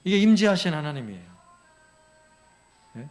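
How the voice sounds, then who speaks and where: A pastor with a fairly high voice leads a Bible memorization lesson in church. He keeps turning to his listeners with questions and checks that they follow along. His tone is conversational and lively, like a teacher in front of a class. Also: moderate pace, soft background music. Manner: engaging, asks congregation questions.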